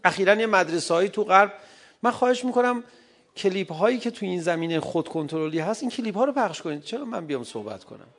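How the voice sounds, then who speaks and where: Gravelly-voiced man giving a lively talk. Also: high-pitched. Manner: humorous, acts out little dialogues, laughs often. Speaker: speaker addressing an audience on parenting. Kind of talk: lively lecture.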